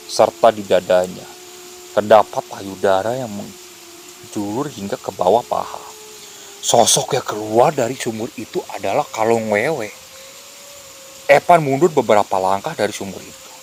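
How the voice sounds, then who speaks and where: A man narrating a scripted horror story in a quiet, deliberate manner. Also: on the low side, slight background noise.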